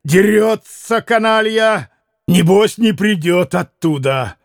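A man reading an impulsive young nobleman who speaks excitedly, half shouting and breathless. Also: a little high, unhurried, no room sound, clean studio sound. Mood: fired up.

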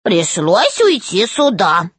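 A woman voicing a very old, timid male gnome who speaks slowly and fretfully, with a husky voice. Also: mid-range voice, wildly swooping pitch, no room sound, full character voice. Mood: slow, rueful. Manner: slow, drawn-out speech.

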